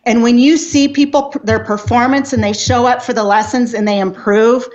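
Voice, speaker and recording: Fifties female life coach, motivational chat guest, slightly high pitch, dull muffled audio. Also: fairly even intonation, normal speed, darkish tone. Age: 50s. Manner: earnest, motivational, with restarts. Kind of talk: casual interview chat.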